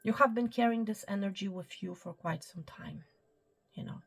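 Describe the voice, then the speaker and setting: With a husky, gravelly, mid-range voice at a moderate pace, a female psychic reader delivers a tarot-style reading to camera. Her manner is gentle and comforting; she checks in with the listener, slips into whispers, and keeps saying "okay" and "my friend," while soft music plays in the background.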